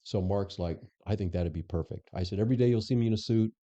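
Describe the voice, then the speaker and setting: A middle-aged man with a deep, very dark and mellow voice tells stories as a guest. He acts out old conversations as he goes. The sound is a bit dull and lo-fi. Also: fast talker. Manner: anecdotal, acts out quoted dialogue. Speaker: interview guest, former police superintendent. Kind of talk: conversational storytelling.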